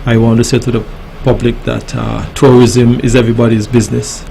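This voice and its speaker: A man's voice: medium pitch, level tone, vocal fry, dark tone. A man with a Caribbean accent hosting a radio talk show in a courteous, formal way. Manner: courteous, formal, deliberate phrasing. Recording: faint background noise.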